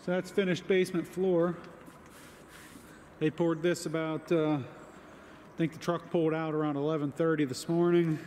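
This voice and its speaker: A man's voice: on the high side, level tone, moderate pace, a little mellow, a little hiss or hum. Plain-spoken man filming outdoors. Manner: plain-spoken, matter-of-fact, with fillers. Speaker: homesteader vlogger. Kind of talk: casual walkthrough narration. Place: outdoors at a building site.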